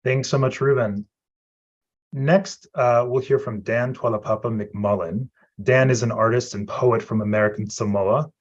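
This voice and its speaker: A man's voice: mid-range voice, fairly even intonation, unhurried. A man moderating a panel who reads a formal introduction of the next speaker. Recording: dull, lo-fi audio.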